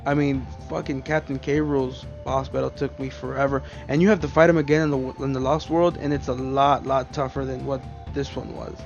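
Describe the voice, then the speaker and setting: A man's voice: mid-range voice, level tone, a little fast, vocal fry, few pauses, highs cut off, soft background music. A man hosting a let's play, rambling and swearing freely as he gets frustrated with the game. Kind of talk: casual gameplay commentary.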